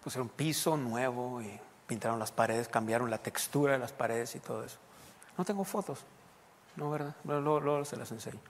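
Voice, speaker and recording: Emphatic pastor in a reverberant hall. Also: male voice, medium pitch, fairly quick, slight background noise. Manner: conversational preaching with loud emphatic bursts. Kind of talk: sermon.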